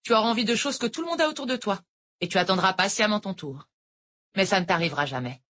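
A woman voicing a moody, bitter female math tutor in an audiobook, talking with a sharp, mock-cheerful edge. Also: medium pitch, lively intonation, quick pace, voice pushed up. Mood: brooding.

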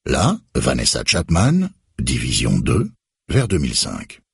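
Very deep, gravelly man narrating. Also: huge pitch swings, unhurried, dry recording, clean studio sound. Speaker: audiobook narrator. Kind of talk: scripted narration.

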